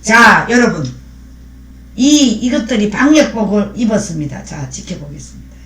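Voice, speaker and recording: A woman's voice: medium pitch, sing-song, moderate pace, a bit bright. Fiery woman streamer in an echoey room. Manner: fiery and preachy, thanking viewers by name. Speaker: livestream host. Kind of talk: live-stream commentary reading viewer comments.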